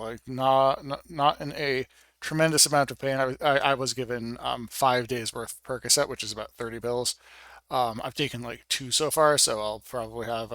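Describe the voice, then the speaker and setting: A man giving a casual, rambling personal update in an informal, wryly understated way, with halting, hesitant phrasing. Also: mid-range voice, fairly bright tone, dry recording. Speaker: video blogger.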